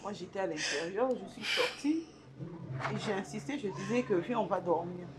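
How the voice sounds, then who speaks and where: A woman's voice: high-pitched, lively intonation, unhurried, heavy background noise. A young woman with a Congolese French accent playing an anxious, protective older sister who pleads and repeats herself. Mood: shaken, hushed.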